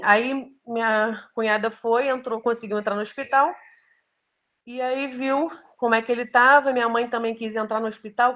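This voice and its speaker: A woman's voice: a little high, fairly bright tone, dull audio. A woman giving an earnest, emotional personal testimony, telling her story with many fillers. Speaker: testimony giver.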